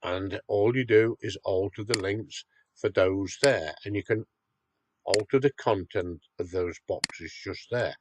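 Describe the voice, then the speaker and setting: In a screen-recorded tutorial, a website owner demonstrates a tool, guiding viewers one step at a time and pausing to check in with "okay." He has a cold that makes him slightly nasal, with a fairly low voice at a measured pace and some faint hiss or hum.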